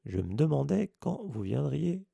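Hagrid, a man doing a big gruff gamekeeper. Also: fairly high pitch, sing-song, measured pace, mellow, no echo, studio quality, pitched above the performer's own voice, full character voice. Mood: welcoming.

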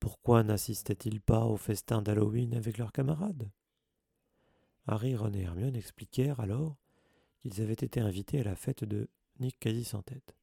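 Casting : narrateur masculin, timbre rocailleux, lecture de conte posée. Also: male voice, lowish voice, normal speed, creaky, dark tone, breathy edge, no room sound, clean studio sound. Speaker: audiobook reader. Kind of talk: storybook narration.

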